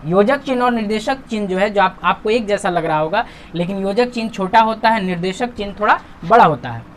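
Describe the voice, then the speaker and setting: A man teaching a grammar lesson, patiently walking through on-screen examples, asking himself questions and answering them, and reading example sentences slowly with emphasis. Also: high voice, slight background noise. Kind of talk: classroom-style lesson explaining on-screen examples.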